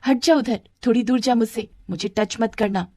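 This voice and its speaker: Brief: woman doing a spoiled rich schoolgirl bully, scornful and mocking, a little higher than usual, dry close sound. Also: moderate pace, mellow, dry recording, lightly acted. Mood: sneering.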